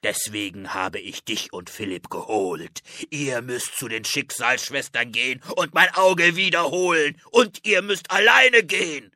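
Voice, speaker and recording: A man voicing a gruff, brusque old male ice wizard in an audiobook, curt and stern. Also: medium pitch, pushed and bright, no echo, studio quality. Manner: curt, stern, slow at times. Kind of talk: audiobook character voice.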